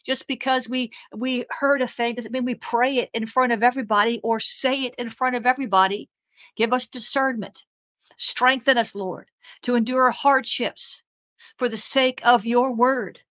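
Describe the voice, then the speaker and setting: A woman with a fairly high, slightly bright voice leads a fervent spoken prayer, recorded with no echo. Her repeated phrases fall into a rhythm and climb into exclamations, and she briefly speaks in tongues.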